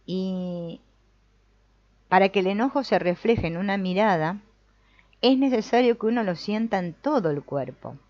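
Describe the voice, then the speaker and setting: A woman's voice: mid-range voice, expressive, a little slow, pauses often, darkish tone, no room sound. A woman leading a family constellations group, reading from a book and commenting reflectively, often checking in with the group. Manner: reflective, often adds a questioning "no?" or "mm?". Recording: dull lo-fi, dry sound.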